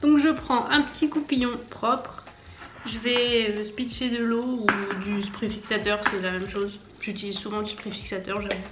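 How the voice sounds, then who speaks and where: A woman's voice: fairly high pitch, steady tone, normal speed. Chatty young woman, echoey room. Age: 20s. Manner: chatty, explains each step as she goes. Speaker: makeup vlogger. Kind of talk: casual makeup tutorial. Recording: echoey room, faint background music.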